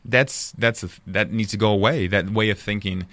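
A man's voice: lowish voice, normal speed, fairly bright tone, no echo. A man talking passionately as a podcast guest, often repeating words as he works through a thought. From United States. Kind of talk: casual discussion.

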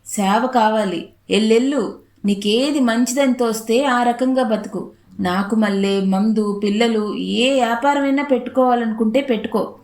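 A blunt older working-class man voiced by a woman reading the story aloud scolds in rough, colloquial village speech. The voice sits a little high. It is recorded in an echoey room. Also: a little mellow, lightly acted.

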